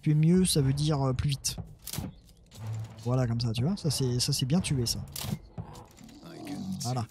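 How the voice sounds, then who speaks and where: A man's voice: mid-range voice, measured pace, pauses often, noisy background. Man mumbling through a strategy game. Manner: muttering, self-mocking, talks to his units. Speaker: let's play gamer. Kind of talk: casual gameplay commentary.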